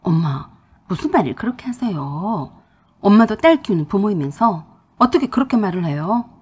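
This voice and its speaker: A young husband tries to calm his mother, mildly protesting in a placating way, as a woman narrator reads his lines. The voice is a little breathy and somewhat lower than hers. He is a figure in a spoken story. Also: normal speed. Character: young adult husband, pleading mediator.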